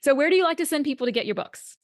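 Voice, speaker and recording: A woman's voice: sits high, expressive, very fast, dry recording, studio quality. A woman hosting a faith podcast who asks wrap-up questions and affirms her guest often. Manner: affirming, frequent encouraging interjections. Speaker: podcast host. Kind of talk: interview host.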